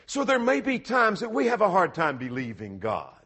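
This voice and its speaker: A man's voice: sits high, wildly swooping pitch, moderate pace, pushed and bright, husky. A man preaching a sermon in an earnest, emphatic way, asking rhetorical questions as he goes.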